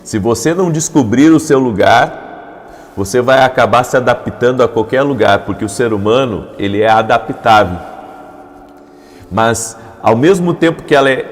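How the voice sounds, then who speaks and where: A man's voice: mid-range voice, in a large hall. A man preaching a devotional morning sermon, with repeated emphatic phrases that build into urgent appeals. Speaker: pastor.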